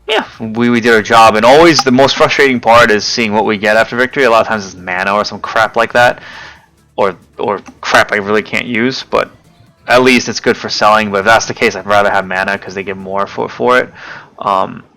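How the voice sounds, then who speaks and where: A man giving casual, hesitant commentary over his own gameplay, often pausing with fillers and forgetting names. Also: fairly low pitch, steady tone, pushed and bright, faint music behind. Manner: hesitant, many fillers, loses track of names. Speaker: gaming video creator.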